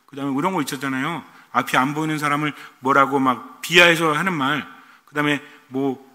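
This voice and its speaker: Bright, animated preaching man. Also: on the high side, big-room sound. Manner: animated, asks the congregation rhetorical questions. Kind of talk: sermon. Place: church.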